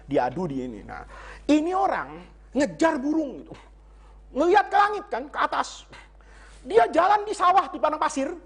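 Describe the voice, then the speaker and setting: Chuckling male preacher telling stories. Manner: humorous storyteller who chuckles often and swings his pitch widely. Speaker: Islamic preacher teaching a classical text. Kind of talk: religious study sermon with storytelling.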